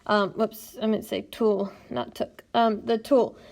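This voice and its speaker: A woman teacher narrating a recorded lesson in a patient, explanatory way, often pausing with "um". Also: medium pitch, flat delivery, gravelly, a little mellow. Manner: patient, explanatory, frequent "um" fillers. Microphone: tablet screencast mic.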